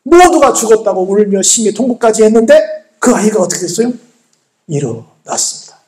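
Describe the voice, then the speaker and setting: Guy preaching in church, lively swooping voice, acts out the people in the story. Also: sits high, fairly quick. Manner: animated storytelling, acting out speakers, asks congregation questions. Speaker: pastor. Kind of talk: sermon.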